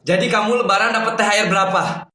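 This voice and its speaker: A woman's voice: mid-range voice, fairly even intonation, quick pace, close to an everyday voice. A woman playing a teasing male schoolteacher who questions his students, in a comedy skit. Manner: questioning, mock-sympathetic. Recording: echoey room with loud music.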